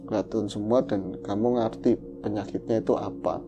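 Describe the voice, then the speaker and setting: A man voicing a mysterious, kindly older man who speaks gently and reassuringly. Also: lowish voice, steady tone, brisk, muffled recording, over music, natural voice. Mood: gentle.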